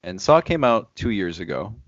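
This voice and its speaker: A man's voice: fairly low pitch, very animated, moderate pace, no echo, muffled recording. A man hosting a casual podcast chat, playful and teasing, recorded over a video call. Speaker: podcast host.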